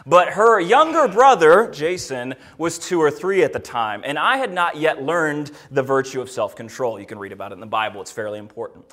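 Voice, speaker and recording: A man's voice: fairly high pitch, lively intonation, fairly quick, hardly any pauses, fairly bright tone. A man preaching a sermon and leading prayer at a pulpit microphone in a church, telling stories in an earnest way. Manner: earnest, storytelling, rising energy in anecdotes. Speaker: guest preacher. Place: church sanctuary.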